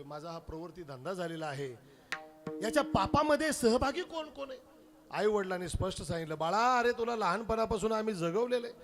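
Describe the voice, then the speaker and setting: A man with a Marathi accent preaching a devotional kirtan sermon, acting out the story's voices and moving between hushed telling and loud sung cries. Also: very high-pitched.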